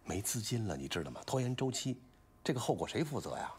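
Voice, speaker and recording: A man's voice: on the low side, very animated, fast talker, a little hiss or hum. An actor playing a pushy male film director who presses his cast to get the scene shot. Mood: pressing. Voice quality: raspy. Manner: pressing, then shouting orders. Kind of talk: film drama acting.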